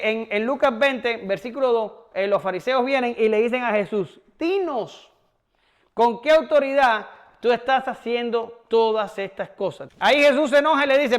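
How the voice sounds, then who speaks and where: Man, very high voice, Bible study teacher, animated, asks the class questions. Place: classroom with whiteboard.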